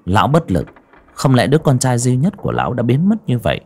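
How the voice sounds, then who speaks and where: A man narrating a horror audiobook in a dramatic, expressive way. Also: mid-range voice, fast, slight background noise. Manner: expressive, rising and falling with the drama.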